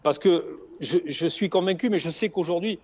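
A man's voice: high-pitched, moderate pace, a little mellow. A middle-aged man with a southern French accent, chatting as an interview guest, talking expansively with many restarts and repeated words. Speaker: guest, former race logistics organizer. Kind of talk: casual interview chat.

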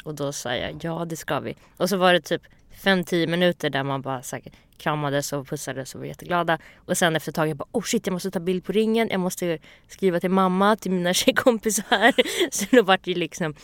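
A woman podcast host telling a personal story in casual chat, animated and acting out the dialogue. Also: on the low side, dry recording. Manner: animated, acts out quoted dialogue.

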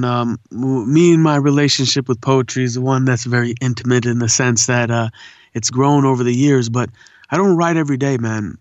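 A relaxed man from India who grew up in Southern California muses as a guest in an easygoing interview, often calling the host "man." The recording is dry and a little dull, with a slightly lo-fi edge. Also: mid-range voice, no room sound. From born in India, raised in Southern California. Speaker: guest, voice actor and poet. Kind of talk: casual interview conversation.

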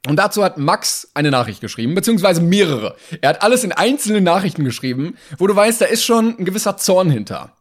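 A man's voice: sits high, big pitch swings, fairly quick, hardly any pauses. A man co-hosting a podcast, chatting casually with playful, jokey banter. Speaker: podcast co-host. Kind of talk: casual chat.

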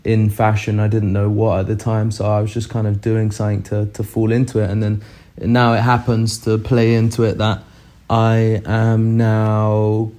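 Young English man, low mellow drawl. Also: monotone, normal speed. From England. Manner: laid-back, rambling with fillers. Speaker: podcast guest. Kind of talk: casual chat.

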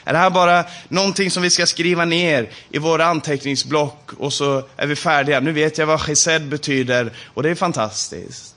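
A man's voice: fairly high pitch, hardly any pauses, sharp tone. Emphatic man preaching a sermon. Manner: emphatic preaching with repeated phrases. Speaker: Bible teacher.

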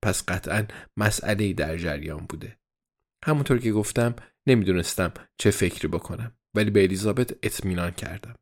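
A man with a fairly low voice reads a novel aloud as a first-person diary. His delivery stays even and measured, a steady storyteller's pace through the entries. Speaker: audiobook narrator.

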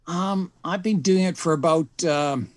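A middle-aged man from Canada speaks as a podcast guest. His voice sits a little higher than most men's. He tells his story in an unhurried way, with frequent ums and small restarts. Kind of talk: casual interview.

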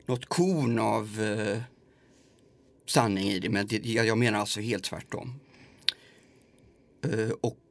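A man's voice: on the low side, no echo. A man, a musician, speaking in a hesitant way with many fillers in casual conversation. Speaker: musician guest.

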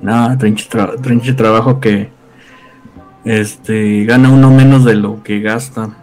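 Slow-talking, grumbling Mexican man. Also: on the low side, fairly even intonation, darkish tone, soft background music. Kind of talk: casual chat.

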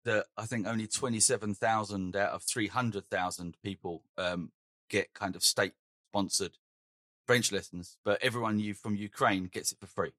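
Low-voiced English podcast host, dry sound. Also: male voice, fairly even intonation, normal speed, fairly bright tone, dry recording. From England. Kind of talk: casual chat. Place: lives in Denmark.

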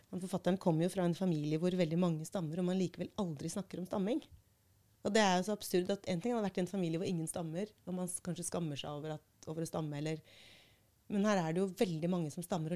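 A woman reading a book passage aloud and talking it through in a measured, thoughtful way as a podcast host. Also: fairly low pitch, steady tone, dark tone.

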